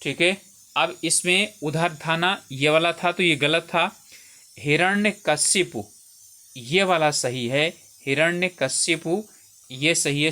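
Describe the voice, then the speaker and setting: A man's voice: on the high side, bright, forceful tone. A man working as a Hindi exam tutor, taking listeners through spelling questions one by one, repeating each word and often checking in with "theek hai". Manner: explains step by step, repeats words and says "theek hai" often.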